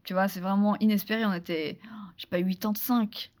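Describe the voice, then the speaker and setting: Woman, casual interview guest, lively, chatty, many fillers, medium pitch. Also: fairly quick. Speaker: interview guest, former beauty pageant contestant. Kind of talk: casual conversational storytelling.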